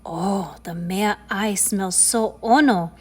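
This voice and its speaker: A woman's voice: medium pitch, takes it slowly, slightly rough. A woman voicing a cheerful, curious little girl in a storybook reading. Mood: wondering. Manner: bright, eager, wondering.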